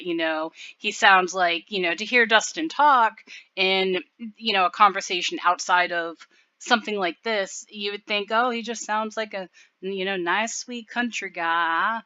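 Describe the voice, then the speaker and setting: Chatty woman commentator, filler-heavy, bright tone, dull dry recording. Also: on the low side, dry recording. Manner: rambling, lots of fillers. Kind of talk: casual video commentary.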